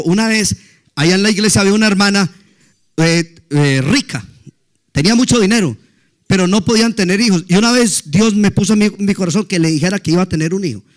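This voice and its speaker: High-voiced preaching pastor. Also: male voice. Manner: preaching with emphatic exclamations. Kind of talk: sermon.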